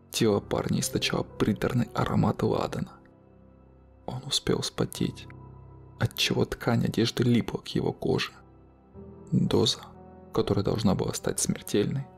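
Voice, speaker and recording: A man reading a scripted horror story in a measured, dramatic way. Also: lowish voice, creaky.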